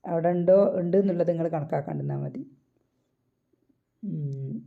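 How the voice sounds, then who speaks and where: A woman's voice: low-pitched, gravelly, phone-quality sound. A woman from Kerala teaching Quran recitation, explaining each rule step by step and asking her listeners questions. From Kerala, India. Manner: chants verses slowly and drawn out.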